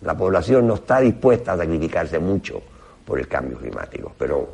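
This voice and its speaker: Gravelly, low-voiced man speaking Spanish. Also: big pitch swings, darkish tone. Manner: halting, groping for words in Spanish. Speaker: professor, interview guest. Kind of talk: interview answers, explanatory.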